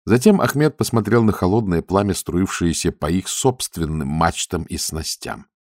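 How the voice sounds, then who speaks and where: A man narrating an audiobook in a measured storytelling manner. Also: low-pitched, darkish tone, dry recording, studio quality. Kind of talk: scripted narration.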